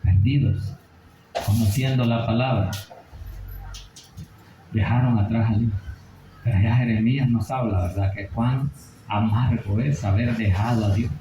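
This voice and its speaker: A man's voice: fairly low pitch, unhurried, long pauses, mellow, roomy sound, a little hiss or hum, rough recording. A man preaching a Bible study sermon, asking rhetorical questions and checking in with his listeners. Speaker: pastor.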